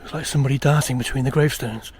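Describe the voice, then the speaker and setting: A man's voice: mid-range voice, steady tone, very fast, a little mellow, a little hiss or hum, natural voice. A British man acting as a boastful, uneasy amateur ghost hunter, rambling self-importantly to camera in a found-footage horror film. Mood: wary, alert. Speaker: paranormal investigator presenting a documentary.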